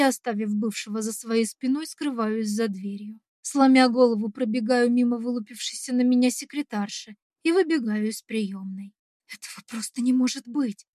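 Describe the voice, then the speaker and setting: A woman's voice: on the high side, darkish tone, no room sound, clean studio sound. A woman reading a first-person dramatic story aloud, emotive, tense and urgent. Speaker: audiobook narrator.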